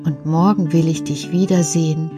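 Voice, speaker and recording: A woman's voice: low voice, steady tone, moderate pace, over music, lightly acted. Woman doing dreamy poem-reciting Petra. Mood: hushed. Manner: dreamy, sing-song reciting of rhymes. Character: dreamy female puppet Petra, poetic.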